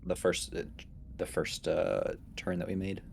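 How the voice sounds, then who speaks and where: A man's voice: low voice, level tone, a little slow, gravelly, a little hiss or hum. A man playing a tabletop game, cautious and weighing the options aloud. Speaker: player. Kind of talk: casual tabletop play.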